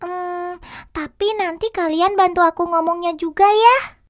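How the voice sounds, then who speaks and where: A woman's voice: very high voice, steady tone, unhurried. A woman voicing a shy young village schoolgirl with a Sundanese accent, speaking in a hesitant, childlike way in a children's TV drama.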